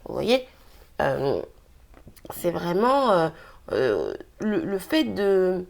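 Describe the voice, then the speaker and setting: A woman's voice: fairly low pitch, big pitch swings, extremely slow, creaky, darkish tone. A young woman, chatting casually through a daily tarot card reading with many hesitations.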